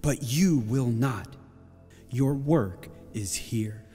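An actor playing a calm, solemn angel on stage, speaking in a measured, reassuring way. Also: male voice, mid-range voice, slightly rough. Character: calm, solemn male angel sent by God. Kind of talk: projected stage drama acting. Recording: long hall-like reverb. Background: music.

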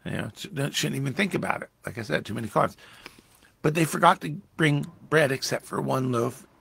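Gravelly, husky pastor. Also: male voice, medium pitch, fairly quick, dry recording. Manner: conversational, animated, acting out Jesus' lines with raised voice. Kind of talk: Bible study teaching.

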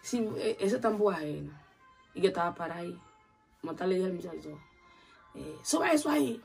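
A woman's voice: on the low side, normal speed, creaky, slightly rough, soft background music. A woman telling a long story in a casual interview, acting out the voices of the people in it. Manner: animated, acts out quoted voices.

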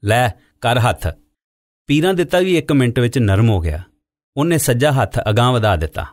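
A man narrating a novel in a steady storytelling voice, recorded in a studio. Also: mid-range voice, fairly quick, no room sound. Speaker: audiobook narrator. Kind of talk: scripted narration.

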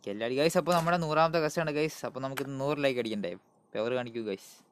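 A man's voice: medium pitch, fast, dry recording. A man with a Malayali accent hosting a casual gaming live stream, calling out greetings and hype to viewers and mixing English words into Malayalam.

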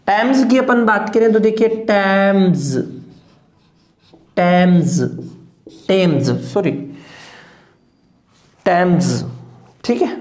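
A man who speaks as his teaches English phonetics, going very slowly and saying each word several times over. He often stops to ask whether the class follows. His voice carries the echo of a hard-walled room. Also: high-pitched, darkish tone. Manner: slow, repeats each word several times and checks with "clear?". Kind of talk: phonetics lesson. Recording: echoey room.

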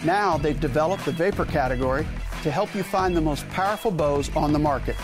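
A man's voice: on the high side, a little fast, over music, voice pushed up, lightly acted. A man reading a bold commercial voice-over with a punchy, emphatic delivery. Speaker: ad announcer.

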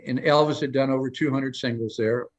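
A man's voice: medium pitch, steady tone, brisk, dull audio. Older male guest, chatty storyteller, meandering delivery, pops up for quoted bits. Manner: rambling anecdotal storytelling with many restarts; acts out quoted lines in a raised voice. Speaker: guest storyteller on a live show. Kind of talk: casual live interview chat.

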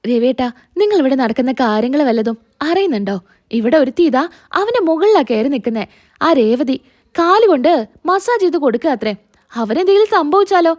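A woman's voice: high voice, sing-song, fairly quick, a little mellow. A woman voicing an indignant middle-aged mother who scolds her daughter-in-law. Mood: alarmed. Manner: scolding, accusing.

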